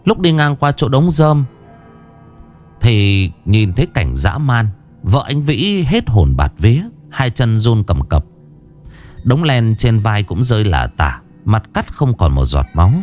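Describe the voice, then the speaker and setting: A man narrating a horror story in a dramatic, lively way. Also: lowish voice, measured pace, faint music behind.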